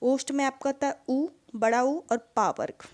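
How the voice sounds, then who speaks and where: Her voice sits high with a darkish tone, and she takes her time as she leads an exam-prep class. Working in Hindi blended with English terms, she raises questions and supplies the answers herself, captured in a dry recording.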